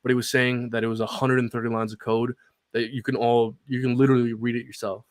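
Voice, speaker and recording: A man's voice: mid-range voice, level tone, fast, no echo, clean studio sound. A young man in casual conversation about crypto, swearing freely and laughing often. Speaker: crypto podcast guest. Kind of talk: casual chat.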